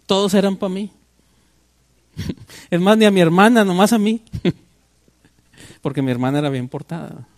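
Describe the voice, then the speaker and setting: Here the same older pastor delivers his sermon a little slowly, pausing often and repeatedly addressing rhetorical questions to his listeners. His voice is pitched high for a man, and the audio is close and dry, free of room echo.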